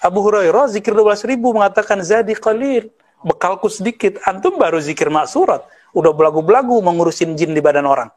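Quick and expressive, with a high-pitched voice, a West Sumatran preacher in his thirties delivers a conversational Islamic study talk. He weaves in Arabic terms and playful teasing along the way.

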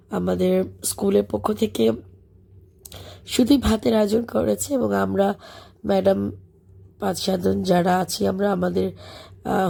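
A woman with a Bangladeshi accent and a hoarse, broken voice from illness, chatting through a vlog voice-over about a school celebration with many fillers. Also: mid-range voice. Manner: chatty, warm about the children, frequent fillers. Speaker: schoolteacher and vlogger. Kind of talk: casual voice-over narration. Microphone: voice-over recorded separately.

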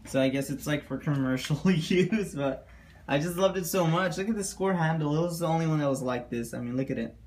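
A man's voice: fairly high pitch, a little fast, a little mellow. A man chatting casually and joking in a rambling way while showing parts of his new house. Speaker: vlogger's partner. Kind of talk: casual chat. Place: house under construction, indoors. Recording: noisy room ambience.

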